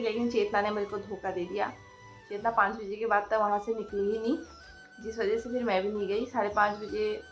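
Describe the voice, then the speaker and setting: A young woman with a light lilt chats casually through her daily vlog in a rented room at home, now and then speaking to her toddler. Her voice is medium-pitched and a bit bright, with the highs cut off.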